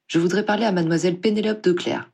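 Husky reader's take on a reserved, firm young wizard cop, put on by the narrator. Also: medium pitch, fairly even intonation, fast talker, a little mellow, pitched above the performer's own voice. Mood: firm polite. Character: young male wizard detective, polite but firm.

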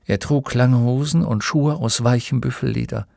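Gravelly male audiobook narrator. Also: mid-range voice, a little mellow, dry recording, studio quality. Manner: measured, vivid storytelling.

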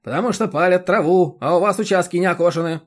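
A man reading an audiobook, voicing a short, stout, rude elderly village chairwoman who scolds and yells. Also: fast talker, natural voice. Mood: scolding. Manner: shrill scolding, yelling.

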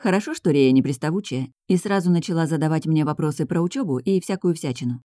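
Low-voiced woman reading an audiobook. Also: fast talker, mellow, dry recording, studio quality. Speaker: audiobook reader. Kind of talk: scripted first-person audiobook narration.

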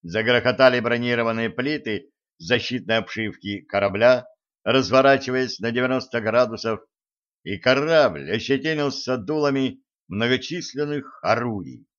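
A man narrating an audiobook in a measured, unhurried reading. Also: medium pitch, fairly bright tone, muffled recording. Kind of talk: audiobook narration of science fiction.

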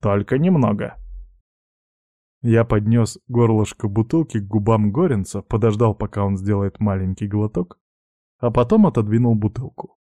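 Male audiobook narrator; wry, measured, dark timbre. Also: lowish voice, dry recording. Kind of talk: audiobook reading.

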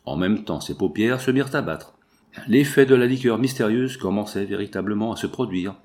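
A man narrating a classic novel as an audiobook, measured and expressive. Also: on the low side. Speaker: audiobook reader.

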